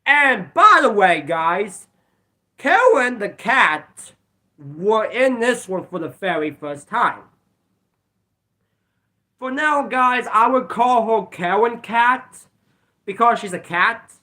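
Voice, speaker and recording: A man with a high, bright voice chats through a casual episode review vlog. His pitch swings widely as he rambles and repeats himself, stopping now and then to cough. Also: very animated, takes it slowly, long pauses. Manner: rambling, repeats "let's be honest". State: bouts of coughing. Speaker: video reviewer.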